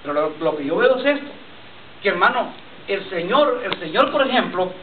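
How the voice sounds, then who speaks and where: A man with a high, lively voice preaches at a normal pace, giving a personal testimony, repeating himself and often calling listeners "brother." It's a tinny, lo-fi recording made from far off in a church, with a roomy sound, slight hiss or hum, and the congregation responding in the background.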